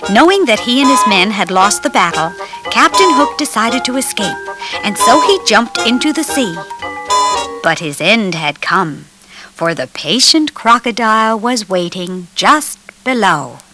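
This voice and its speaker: A woman's voice: medium pitch, big pitch swings, unhurried, loud music behind the voice. A woman reading a children's storybook aloud as narrator, telling it expressively.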